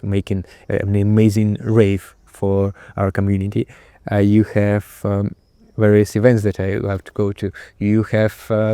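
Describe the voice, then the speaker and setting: Belarusian accented guy vlogging, lowish voice, thoughtful, kinda halting and repeats himself looking for words. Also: warm tone, smooth, no echo. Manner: halting and reflective, repeats phrases while searching for words. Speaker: video creator and host. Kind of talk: casual talk to camera.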